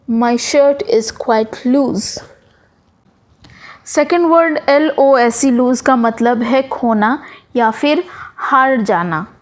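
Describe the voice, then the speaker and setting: A woman's voice: a little high, a little mellow. A woman teaching English in Hindi, spelling words out letter by letter and giving examples.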